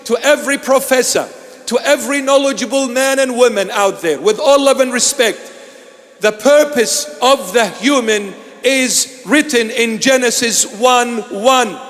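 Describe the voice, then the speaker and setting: A man from Iraq gives a sermon as a bishop, his voice high and his delivery slow and deliberate. He hammers home repeated phrases, now and then rising to a shout. A long reverb trails each word through a large church hall. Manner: emphatic and repetitive, bursts into shouts.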